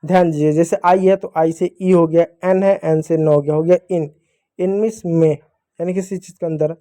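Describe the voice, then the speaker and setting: A young man teaches small children how to read, his voice pitched high yet soft and mellow. He goes patiently, posing each rule as a question and then answering it himself. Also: steady tone, normal speed. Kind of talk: phonics lesson for young children.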